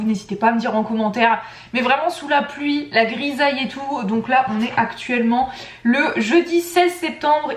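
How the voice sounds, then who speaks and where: A woman with a French accent talking casually to her viewers in a studio vlog recorded indoors at home, in an echoey room. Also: a little high. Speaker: vlogger.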